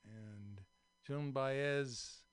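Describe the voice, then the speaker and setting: A man in his seventies from San Francisco hosting a community radio talk show, slow and thoughtful with many fillers, in a radio studio. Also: mid-range voice, clear, resonant tone, no echo. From San Francisco, USA. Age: 70s. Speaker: radio host.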